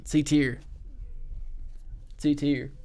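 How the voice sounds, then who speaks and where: A man's voice: on the high side, little pitch movement, very slow, mellow. A young man giving casual, rambling commentary as he ranks movies into tiers, often cutting himself off and tossing in slang. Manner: rambling, self-interrupting, slangy. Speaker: video creator ranking movies. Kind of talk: casual tier-list commentary.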